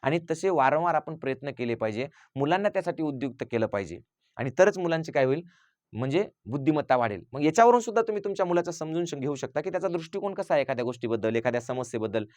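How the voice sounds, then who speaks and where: Brief: brisk male teacher, slightly high voice, quizzes his listeners and answers his own questions. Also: lively intonation, darkish tone, dry recording. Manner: rhetorical questions answered himself; acts out children's quoted lines. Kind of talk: parent advice talk.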